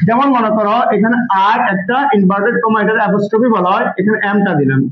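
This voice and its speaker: A man's voice: high-pitched, fairly even intonation, fast talker, highs cut off. A man teaching an English grammar lesson to a class, repeating each example and asking students to say it back with him. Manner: drills students with repeated call-and-response questions.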